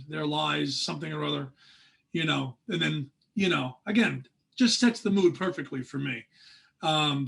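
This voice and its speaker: A man in his forties chatting on a music podcast, his voice gravelly and a little husky. He talks with eager enthusiasm, rambling and restarting his sentences, and sits a touch higher in pitch than most men. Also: fairly bright tone. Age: 40s. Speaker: podcast co-host. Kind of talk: casual chat.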